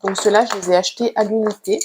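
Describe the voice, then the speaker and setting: A woman casually showing her drawing supplies in a vlog, talking gently and hesitantly with many fillers. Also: medium pitch, fairly even intonation, slight background noise. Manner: hesitant, with frequent "euh" fillers; unhurried and gentle. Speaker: art vlogger. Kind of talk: casual show-and-tell about drawing supplies.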